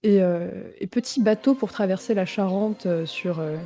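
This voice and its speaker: Eager young woman with a mellow voice. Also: medium pitch, moderate pace, soft background music. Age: young adult. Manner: eager, enthusiastic, hesitant fillers. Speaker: guest. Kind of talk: casual chat.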